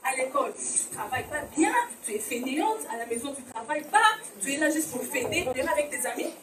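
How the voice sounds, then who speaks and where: Woman doing a fed-up mom who keeps pushing, high pitched, far from the mic, noisy echoey hall. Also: animated, fast. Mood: insistent. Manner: repeats demands, exasperated. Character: scolding mother, exasperated and insistent. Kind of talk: amateur church skit.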